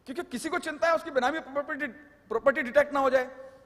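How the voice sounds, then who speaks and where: Male lecturer, high voice, wry and explanatory, live hall with long reverb. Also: quick pace, fairly bright tone. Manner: joking, explanatory, mixes English terms. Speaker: tax law speaker.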